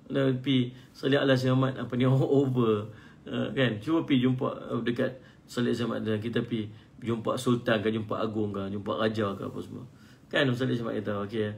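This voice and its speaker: A man with a Malaysian Malay accent giving an online religious lecture, playful and fond of mimicking loud pleading prayers. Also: gravelly. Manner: playful, mimics shouting pleaders in high cries. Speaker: religious teacher. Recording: faint background noise, live stream.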